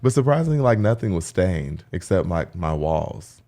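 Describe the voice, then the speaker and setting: A man who co-hosts a chat show as a hairstylist, telling stories in a lively, animated way, often acting out what others said and laughing. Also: low-pitched, moderate pace. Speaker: hairstylist and podcast co-host. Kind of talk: casual chat.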